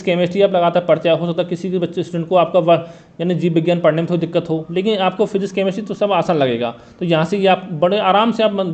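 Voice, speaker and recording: A man with a high, quick voice gives an exam strategy talk, briskly listing what to study and often turning to his listeners. The sound is dull and lo-fi. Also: a little mellow. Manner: brisk, keeps saying "dosto" and "theek hai". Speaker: exam coach.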